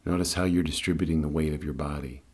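Male meditation guide: extremely deep register, husky tone, soothing and unhurried delivery. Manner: calm, soothing, unhurried instruction. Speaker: guided meditation and breathing teacher.

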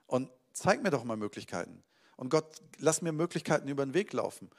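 A pastor preaching a sermon to his church. This man speaks with energy, pushing some points out loudly and dropping others to a near murmur. His voice sits at an ordinary middle pitch. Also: brisk, vocal fry. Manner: energetic, swings between loud emphasis and quiet asides.

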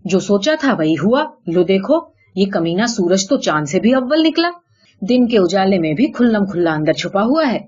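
A woman's voice: mid-range voice, sing-song, darkish tone, husky, muffled recording. A woman voicing a vain, coy female jackal who complains indignantly and pleads with her husband in a told folk tale. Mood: indignant pleading.

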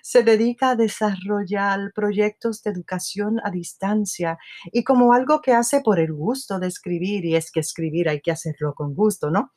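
A woman's voice: mid-range voice, normal speed, darkish tone. A woman hosting a podcast with a New York Spanglish accent, chatting casually, laughing often and slipping into English. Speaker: podcast host.

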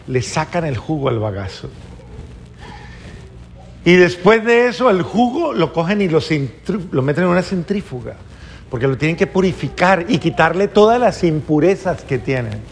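Male preacher, higher-pitched, gravelly; earnest sermon delivery that quizzes the congregation. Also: lively intonation, a little hiss or hum. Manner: slow, earnest, asks the congregation questions.

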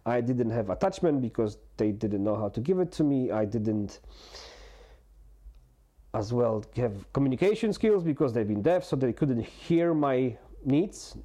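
Guest in his 40s, mellow voice, halting and candid, lots of restarts. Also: medium pitch, animated. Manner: halting, full of restarts and fillers; earnest and open. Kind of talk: candid personal conversation.

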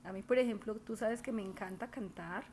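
A woman chatting casually, expressive and animated as she tells stories, softer and musing when she reflects. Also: mid-range voice, a little fast, slight background noise. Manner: expressive, animated storytelling with put-on quoted voices. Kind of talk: casual chat.

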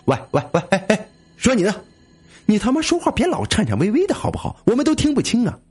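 A man's voice: sits high, huge pitch swings, fast talker, a little mellow, breathy edge, soft background music, voice pushed up, heavily acted. A man voicing a brash, foul-mouthed male student who mocks bluntly. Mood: mocking. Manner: mocking and blunt.

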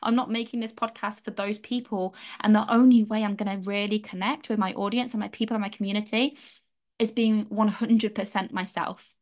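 A woman's voice: mid-range voice, steady tone, a little fast, a little mellow. A young woman hosting a solo podcast, talking candidly and emphatically and swearing freely. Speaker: podcast host.

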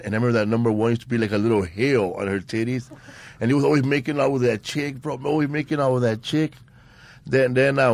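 A man co-hosting a casual podcast, hyping up his guest with loud, slang-heavy talk and frequent laughter. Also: medium pitch, dry recording. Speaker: podcast co-host.

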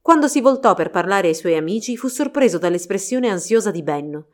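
A woman narrating a fairy tale storybook in a steady, expressive reading. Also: mid-range voice, fairly quick.

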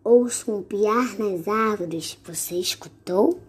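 Woman doing a slow, hungry storybook monster. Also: a little hiss or hum, natural voice. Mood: menacing. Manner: slow, drawn-out, lower. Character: big hungry forest monster, male.

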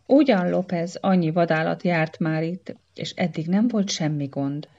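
A woman's voice: on the low side, close to an everyday voice. A sunny, dreamy storybook woman who sees the best in everyone, her voice lifted and eager, as a woman narrator puts her on. The sound is dull and lo-fi. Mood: cheerful. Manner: bright, eager and hopeful. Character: cheerful, dreamy kind-hearted woman.

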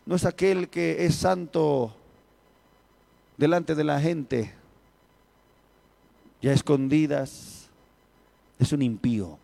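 A male pastor preaching a sermon, repeating words and swinging between raised emphatic lines and low quiet ones. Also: slow pace, creaky, long pauses, no echo.

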